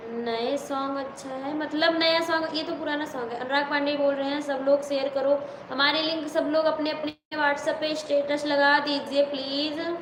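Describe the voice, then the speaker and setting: During a live stream mixing chat and singing, an Awadhi-accented folk singer reads out viewer comments and greets people by name between songs. Her voice is high-pitched and a bit bright, steady in tone, at a moderate pace. The echoey room has music playing behind and slight background noise.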